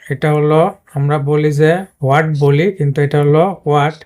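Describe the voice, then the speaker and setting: A man's voice: on the high side, monotone, fairly quick, mellow, smooth. A man teaching English pronunciation in a casual spoken lesson, explaining plainly with many fillers and restarts.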